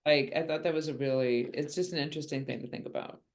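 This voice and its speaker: A woman's voice: deep voice, fast talker, poor audio. A woman in her fifties, an author guest on a podcast, chatting casually with a self-mocking sense of humor and rambling asides. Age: 50s.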